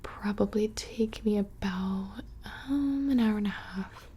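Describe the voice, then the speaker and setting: A woman's voice: medium pitch, slow, dark tone, husky. A young woman whispering casually and close to the microphone, rambling through questions in an ASMR video. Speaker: ASMR creator. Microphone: close studio microphone.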